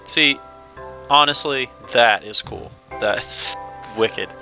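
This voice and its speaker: A man's voice: mid-range voice, takes it slowly, gravelly, music in the background. A man casually talking through his gameplay as a channel host, thinking aloud and chuckling now and then. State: hiccups. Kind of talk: casual let's-play commentary.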